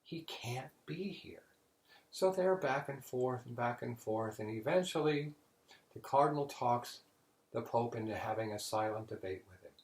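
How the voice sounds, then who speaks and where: A man hosting a casual spiritual session, telling stories in a relaxed way. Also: medium pitch, roomy sound. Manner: relaxed storytelling, joke-telling.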